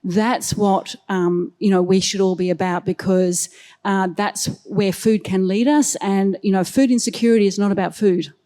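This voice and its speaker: A woman's voice: medium pitch, steady tone, normal speed, mellow. A woman academic speaking earnestly on a festival panel into a handheld microphone, with many ums. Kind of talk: panel discussion talk.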